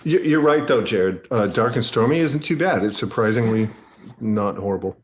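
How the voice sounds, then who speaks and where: Man, low voice, animated intonation, jokey rambling stream chat. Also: moderate pace, a little hiss or hum. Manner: rambling, jokey, laughs often. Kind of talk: casual chat on a game stream.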